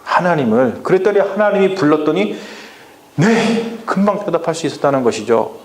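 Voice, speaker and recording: Korean pastor preaching in an echoey church. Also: male voice, a little high, sing-song, moderate pace. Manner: questions the congregation, acts out Bible lines in dialect. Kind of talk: sermon. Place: church sanctuary.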